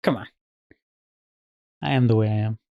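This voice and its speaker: A man's voice: mid-range voice, fairly even intonation, normal speed, vocal fry, dry recording, phone-quality sound. Blunt, foul-mouthed podcast guy. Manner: blunt, swears heavily. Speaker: podcast co-host. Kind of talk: casual chat.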